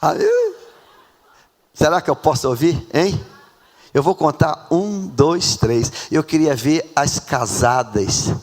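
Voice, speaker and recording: A Brazilian man with a Brazilian Portuguese accent preaching a sermon in a church, dramatic, swinging between hushed and loud, calling on members of the congregation by name. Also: on the high side, slow. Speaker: pastor. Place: church sanctuary. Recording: reverberant church hall.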